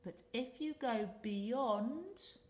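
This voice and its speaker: Woman voicing a calm, measured starfish. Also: a little high, pitched above the performer's own voice. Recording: echoey room, faint noise.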